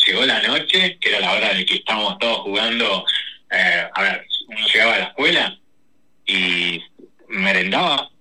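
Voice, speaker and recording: An adult man tells personal stories as a guest. His voice sits low but rings hard and bright. He talks in quick bursts full of slang and restarts. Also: slightly rough, rough recording. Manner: animated, rushes through stories with slang and restarts. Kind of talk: casual personal storytelling.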